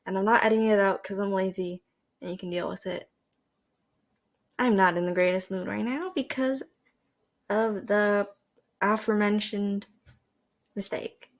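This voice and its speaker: A woman's voice: mid-range voice, steady tone, normal speed, pauses often. A young woman from Canada, hosting a podcast and rambling casually into a desk microphone, chatty and self-deprecating, with fillers and restarts. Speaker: podcast host. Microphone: desk microphone with a cord.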